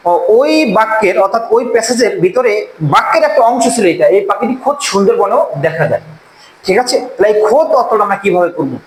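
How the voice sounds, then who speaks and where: A man giving a classroom-style grammar lesson as an English teacher. He repeats key points and keeps asking the class questions. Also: high voice. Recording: echoey room with faint background noise.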